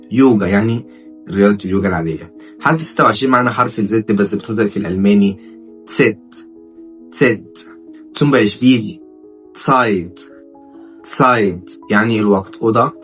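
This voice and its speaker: A man with an Egyptian Arabic accent teaching German pronunciation, spelling out sounds and repeating each word slowly. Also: lowish voice. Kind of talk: language lesson.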